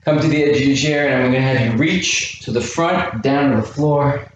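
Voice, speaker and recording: A man's voice: mid-range voice, normal speed, muffled recording. A man leading a home workout class for kids, counting reps aloud and asking encouraging questions. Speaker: youth fitness coach. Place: indoor room with a chair. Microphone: camera microphone from a distance. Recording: very echoey room, distant mic, faint noise.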